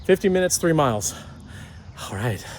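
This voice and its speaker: A man's voice: on the high side, lively intonation, normal speed, faint music behind. A young man vlogging on a run outdoors, out of breath, joking loosely with lots of fillers. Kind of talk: casual vlog chat.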